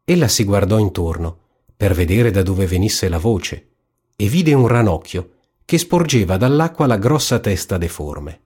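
A man narrating a fairy tale in a calm, even storybook reading. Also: fairly low pitch, a little slow, husky.

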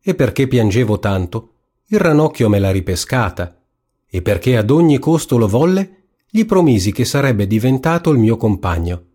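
A man's voice: medium pitch, sing-song, normal speed, dark tone, breathy edge. A man voicing a spoiled young princess in a storybook reading, whiny and raised. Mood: pleading.

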